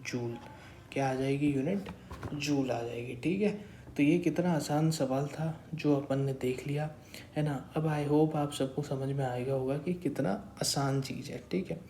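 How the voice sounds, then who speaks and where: A man's voice: a little high, measured pace, mellow, slight background noise. A young man in his twenties tutoring a class in a casual way. He asks questions, answers them himself, calls the listeners brother and keeps repeating that something is exactly right. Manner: repeats a stock phrase of agreement. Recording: roomy echo.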